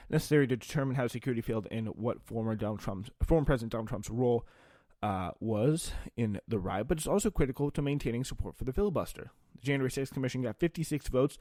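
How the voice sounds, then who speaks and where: A man's voice: mid-range voice, warm tone, no room sound. Informal male political commentator, dry close sound. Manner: informal, halting delivery. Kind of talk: reading news aloud with off-the-cuff commentary.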